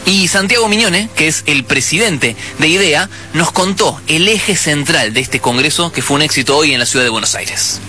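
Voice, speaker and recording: Bright, sharp-voiced male reporter. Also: on the high side, expressive, normal speed, few pauses. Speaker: radio reporter. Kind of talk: news report. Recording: radio broadcast with light music.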